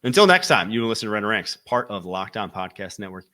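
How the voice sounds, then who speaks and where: Low, bright-voiced man from Wisconsin. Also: very animated, quick pace. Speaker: football draft analyst podcast host. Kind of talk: solo podcast commentary.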